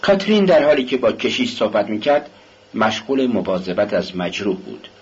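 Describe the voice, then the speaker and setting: Low-voiced, expressive male audiobook narrator. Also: husky. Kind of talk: scripted narration. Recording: dull lo-fi recording with faint hiss.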